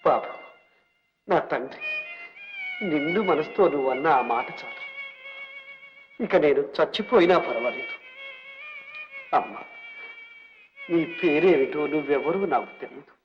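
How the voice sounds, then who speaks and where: Broken old ex-rich man, tearful and pleading, high voice, slow, old muffled film sound. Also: expressive. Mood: weary broken. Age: older. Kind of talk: 1950s Telugu film acting. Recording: dull old film soundtrack, faint music.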